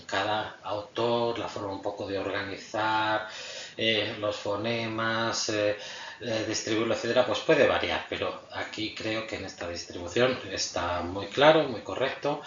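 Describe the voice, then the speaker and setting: Spanish-speaking man teaching, bright roomy sound. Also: on the low side. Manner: patient, pauses often with fillers. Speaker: language teacher. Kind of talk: explanatory lecture. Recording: roomy, distant, muffled mic.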